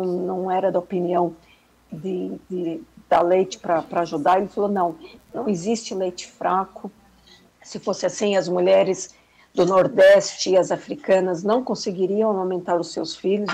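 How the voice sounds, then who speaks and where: A woman's voice: on the low side, level tone, moderate pace, mellow, breathy edge, low-quality recording. A woman guest on a talk show, telling a reflective story about motherhood in a casual chat over a video call.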